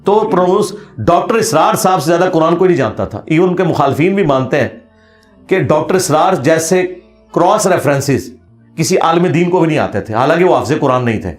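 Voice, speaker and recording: A man giving an impassioned religious lecture, forceful and challenging, reciting Arabic phrases slowly. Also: a little high, lively intonation, echoey room, soft background music. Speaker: religious speaker.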